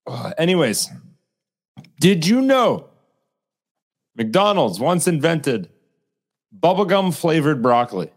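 A man's voice: a little high, sing-song, slow, pauses often. A man co-hosting a podcast in casual chat, making short, dry jokes. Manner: dry joking, short quips. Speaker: podcast co-host.

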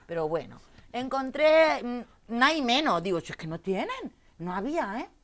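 A woman, an interview guest telling a rowdy story in casual chat, jumping between loud outbursts and low asides. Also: very animated, moderate pace. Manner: coarse slangy banter. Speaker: interview guest, tattoo artist.

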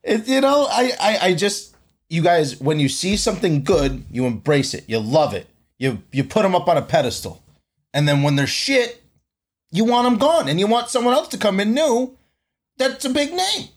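Animated young guy arguing baseball. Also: sits high, normal speed, breathy edge. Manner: animated, profane, argumentative. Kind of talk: casual sports chat.

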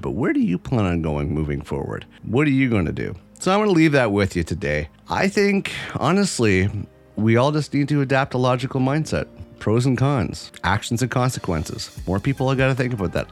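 A man of fifty hosting a solo podcast, talking in an earnest, rambling way and repeating his phrases. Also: on the low side. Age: 50s. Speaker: podcast host.

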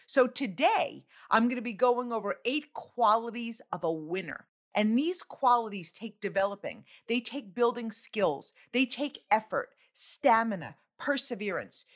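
A woman hosting a motivational talk, speaking in an emphatic, exhorting manner with short, repeated phrases. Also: mid-range voice. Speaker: host of a motivational coaching show. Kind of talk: motivational speech.

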